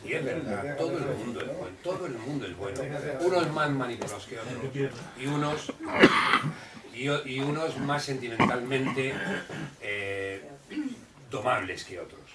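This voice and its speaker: A man's voice: medium pitch, lively intonation, normal speed. An older man talking at a neighborhood meeting, emphatic and repetitive, often restarting his sentences. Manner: emphatic, repeats himself, restarts. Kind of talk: impassioned public talk. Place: neighborhood association hall. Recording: roomy echo, distant mic, faint noise.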